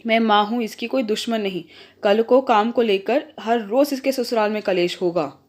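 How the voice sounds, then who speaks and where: A woman's voice: fairly high pitch, moderate pace, natural voice. A woman voicing a strict but caring middle-aged mother who scolds her daughter firmly. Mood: scolding. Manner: firm, scolding.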